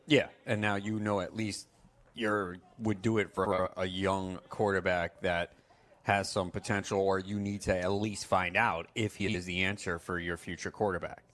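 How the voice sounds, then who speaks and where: Deep-voiced man analyzing fantasy football. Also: level tone, moderate pace, fairly bright tone. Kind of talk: casual sports chat.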